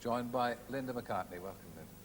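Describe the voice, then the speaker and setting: A man's voice: mid-range voice, brisk. A man hosting a TV talk show, asking his guests questions in a playful, teasing way. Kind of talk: TV interview. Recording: TV studio audio with long reverb and faint hiss.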